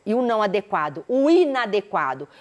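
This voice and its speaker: A Brazilian woman teacher giving a recorded school lesson, animated and asking the students many rhetorical questions. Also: mid-range voice, brisk.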